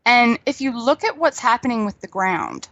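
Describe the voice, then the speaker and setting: A woman's voice: a little high, sing-song, moderate pace, fairly bright tone, no echo, dull audio. A middle-aged woman from New Zealand with a New Zealand accent, a scientist guest chatting casually on a radio interview and laughing often.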